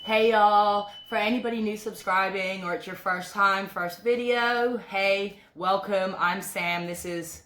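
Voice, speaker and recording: A woman's voice: mid-range voice, fairly even intonation, a little slow, hardly any pauses, fairly bright tone. A woman in her thirties chatting casually on a couple's home vlog, joking and rambling with lots of fillers. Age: 30s. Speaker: co-host. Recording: echoey room with faint noise.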